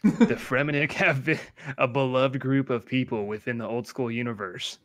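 Foul-mouthed joking gamer host. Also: male voice, mid-range voice, fairly even intonation, normal speed, a bit bright. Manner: swears a lot, jokey, reads lore aloud with mock drama. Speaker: podcast co-host. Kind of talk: casual gaming podcast chat.

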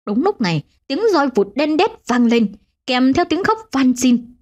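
A woman tells a ghost story in a dramatic storytelling voice. Her pitch sits fairly high for a woman and swings widely as she builds tension. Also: very animated, measured pace, a little mellow, muffled recording.

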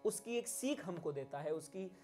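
A man's voice: high-pitched, expressive, normal speed, mellow. A man with an Indian accent giving a spoken music lesson, acting out emotions and lines of dialogue as he explains. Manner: demonstrative, acts out emotions and lines. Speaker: music teacher.

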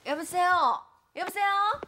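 A brisk middle-aged housewife gives short, practical orders. Her voice is high and lively in pitch. It is a sitcom recording with clear background noise. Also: heavily acted. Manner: brisk, bossy. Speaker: wife in a sitcom.

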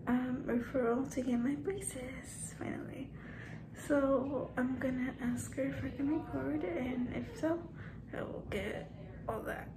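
A young woman vlogging to her phone camera in a doctor's office, talking through a face mask, soft-spoken and halting with fillers. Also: sits high. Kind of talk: casual vlog talk to camera. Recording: noisy roomy clinic recording.

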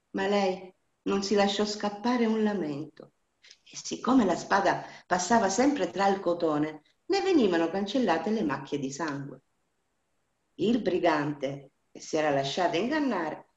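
Expressive woman telling a fairy tale. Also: medium pitch. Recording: dull lo-fi roomy recording.

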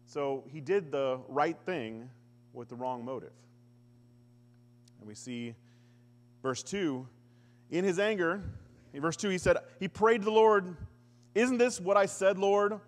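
A man preaching from the pulpit in a plain, conversational way, dropping light jokes and acting out the verses he quotes. His voice sits a little high for a man. The sound rings out with the long reverb of a church hall. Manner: conversational preaching with humor, animated quoting of scripture. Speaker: pastor. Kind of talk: sermon.

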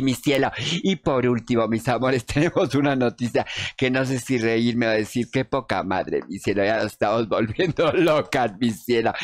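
A man's voice: mid-range voice, no echo, lightly acted. A man playing a flamboyant, catty diva gossip-show hostess, sassy and calling everyone "mi cielo" nonstop. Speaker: gossip news presenter. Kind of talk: comedic gossip-show monologue.

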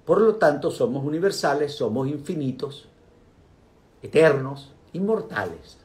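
An older man gives a casual, animated talk on meditation, speaking directly to his viewers. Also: fairly high pitch, unhurried. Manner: animated, speaks directly to viewers, asides and vocal sound effects.

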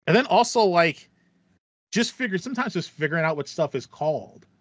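This podcast co-host, a man in his thirties, has a high, animated and fairly bright voice and speaks a little fast with no echo. He chats casually and acts out his thoughts from a small foam-treated room at home. His audio comes across slightly dull and band-limited.

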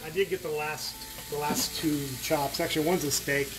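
A man's voice: on the high side, steady tone, normal speed, very noisy. A man hosting a home cooking video, chatting casually with many fillers and restarts. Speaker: cooking channel host.

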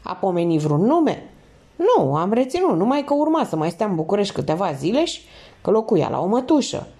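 A woman's voice: sing-song, warm tone. A woman reading a crime novel aloud in the first person, lifting her voice for the characters' lines. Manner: reads in first person, lifts pitch for quoted speech. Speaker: audiobook reader.

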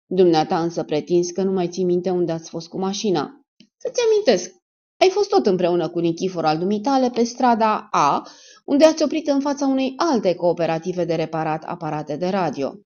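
A stern male security major, as a woman reader voices him, pressing a suspect coldly and with sarcasm. The voice sits higher and louder than her narration, with a mellow, dark tone. The recording is dull and lo-fi. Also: expressive, lightly acted.

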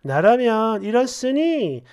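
High, lively woman narrating a story. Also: takes it slowly, smooth. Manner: chatty, expressive retelling. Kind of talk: reading an online story aloud.

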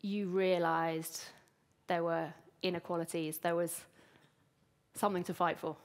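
A woman's voice: on the low side, level tone, unhurried. A woman, hosting an event and interviewing a guest on stage. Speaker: host, interviewer. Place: large theatre stage. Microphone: headset.

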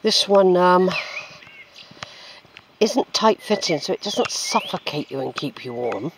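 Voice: medium pitch, animated, measured pace. Chatty walking vlogger musing aloud, noisy outdoor recording. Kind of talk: rambling casual commentary while walking. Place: outdoors on a woodland track. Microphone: handheld camera's built-in microphone. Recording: outdoor handheld recording with clear noise.

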